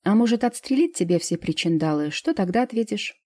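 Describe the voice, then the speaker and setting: Woman reading a threatening father in an audiobook: outwardly calm, dark and husky. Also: medium pitch, brisk, voice pushed up, close to an everyday voice. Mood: menacing. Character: stern middle-aged father, menacing and calm. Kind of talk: audiobook character voice.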